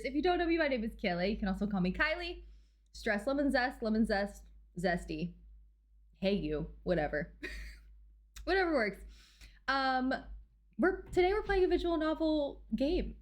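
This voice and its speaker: A woman livestreamer chatting casually with her audience in a cute, bubbly, excitable and gushing way. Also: fairly high pitch. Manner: excitable, exclamatory. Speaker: livestreamer and host. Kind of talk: casual livestream chat, greeting raiders and thanking gifters.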